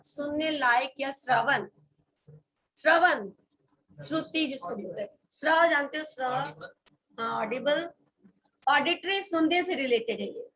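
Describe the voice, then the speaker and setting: A woman leads a vocabulary lesson in a classroom. Her voice is high and bright, with a clear, sharp edge. She spells words out letter by letter and keeps checking that the students are following. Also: low-quality recording. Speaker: English vocabulary teacher.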